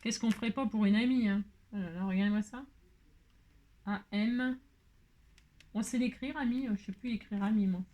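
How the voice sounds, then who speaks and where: A woman's voice: mid-range voice, normal speed, pauses often, dark tone. Woman host, chatty self-mocking crafter talking viewers through a card tutorial. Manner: chatty, self-mocking, laughs often, many fillers. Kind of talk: casual crafting tutorial chat.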